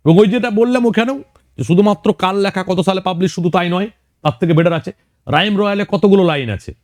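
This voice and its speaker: A man's voice: high-pitched, darkish tone, no echo, studio quality. A man teaching an exam prep lecture, walking students through questions one by one. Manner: explains questions one by one, addressing students directly.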